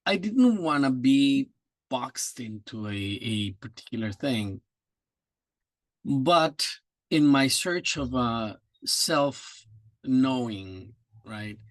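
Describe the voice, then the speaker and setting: An older man from Guatemala talks slowly and gently as a guest in a casual interview. His voice sits in a middle pitch and sounds dry and close. He reflects in measured phrases. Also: dry recording.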